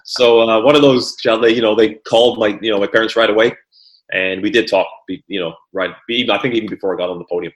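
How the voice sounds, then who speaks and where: A middle-aged former Olympic hurdler and trainer, originally from Guyana and raised in England, chats easily as a podcast guest about his sports career, often repeating words as he starts a sentence. His lowish voice moves quickly with fairly even intonation. The room is echoey.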